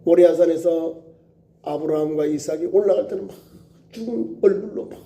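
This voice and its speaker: A man who is a pastor preaching a sermon, exclaiming and acting out prayers with lively emphasis. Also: a little high, moderate pace. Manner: sings a hymn before preaching.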